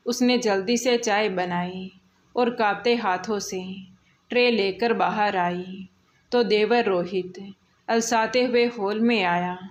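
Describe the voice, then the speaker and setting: A woman storyteller narrating a scripted moral story. She reads calmly and slowly, in a measured, even manner. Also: mid-range voice, muffled recording.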